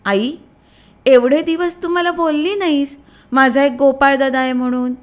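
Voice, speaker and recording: A woman voicing an eager, trusting little boy in a storybook tale, with high, childlike questions. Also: fairly even intonation, a little slow.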